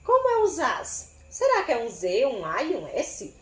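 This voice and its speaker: A Brazilian primary school teacher with a high voice and wildly swooping pitch teaches young children to write in a recorded remote lesson. Speaking with a Brazilian Portuguese accent, she sounds out syllables slowly, spelling piece by piece and calling on pupils by name. The room is echoey, with a noisy background.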